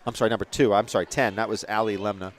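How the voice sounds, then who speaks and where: A man's voice: lowish voice, steady tone, rapid-fire, slight background noise. Chatty man calling a school basketball game. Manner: chatty, rambling asides, self-corrections. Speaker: play-by-play commentator. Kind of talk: local sports commentary. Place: press box at a school gym.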